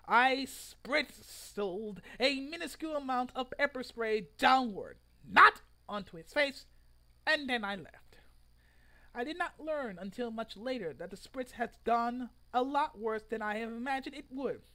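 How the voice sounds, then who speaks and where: Reading a written post aloud at home, this online video creator in his twenties goes for a theatrical, over-the-top performance punctuated by sudden loud outbursts. His voice is very high and a little slow.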